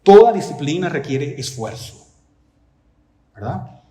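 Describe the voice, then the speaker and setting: Male preacher, fairly high voice, emphatic rhetorical delivery, roomy echo. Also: big pitch swings, slow, warm tone. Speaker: pastor. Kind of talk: sermon.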